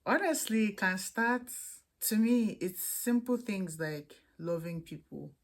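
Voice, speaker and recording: A young woman with a Nigerian accent, an international student vlogger, chats candidly to camera while answering viewers' questions about student life and faith. Her mid-range voice is expressive and a little slow, and she often restarts her sentences in a chatty, open way.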